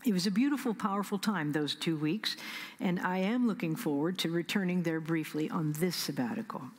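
A middle-aged woman pastor with a Midwestern American accent, preaching a sermon at a pulpit microphone, measured and emphatic, with slow pauses and soft whispered asides. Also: on the low side, breathy edge. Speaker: senior pastor. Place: large church sanctuary. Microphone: pulpit stand mic. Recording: long church reverb.

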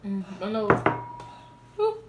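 A woman's voice: mid-range voice, big pitch swings, slow, roomy sound, very noisy. A woman co-hosting a casual challenge vlog, cheering and coaxing, talking to viewers as y'all. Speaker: vlog co-host.

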